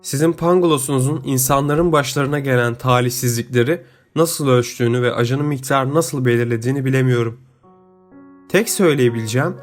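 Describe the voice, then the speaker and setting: A man's voice: medium pitch, close to an everyday voice. A man reading an audiobook, voicing a skeptical, world-weary older man who speaks in a dry, doubtful way.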